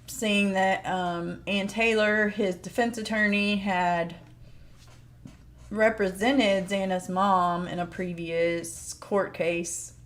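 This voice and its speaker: A woman's voice: medium pitch, fairly even intonation, slow pace, fairly bright tone. A woman giving informal, plain-spoken commentary as she explains court news like a true crime host.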